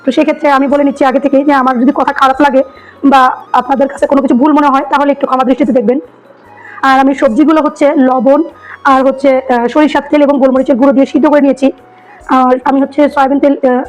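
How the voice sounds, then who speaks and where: A hoarse woman with a cold, chatting enthusiastically as she tastes food for her vlog. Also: high voice, a little mellow, low-quality recording. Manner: chatty, enthusiastic, repeats herself. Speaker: food vlogger. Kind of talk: casual food-tasting vlog.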